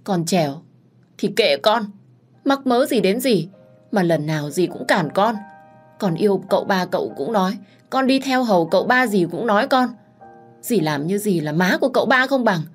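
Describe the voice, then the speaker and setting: A woman voicing a young, heartbroken servant girl who is crying and answering back in a raised, shrill voice. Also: animated, normal speed, soft background music, natural voice. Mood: indignant. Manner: sobbing, shrill when angry.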